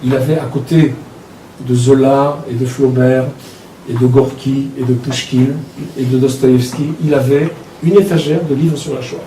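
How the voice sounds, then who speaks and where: A man in his sixties from Belgium, an author recounting his childhood in a reflective, halting way. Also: medium pitch, steady tone, warm tone, a little hiss or hum. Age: 60s. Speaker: author talking about his book. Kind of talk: personal storytelling talk. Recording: echoey room from a distance.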